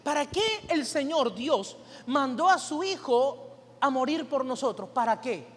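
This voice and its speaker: A man's voice: extremely high pitch, animated, a little slow, a bit bright. A male pastor preaching a sermon, asking the congregation rhetorical questions and calling for their responses. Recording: long reverb of a church hall.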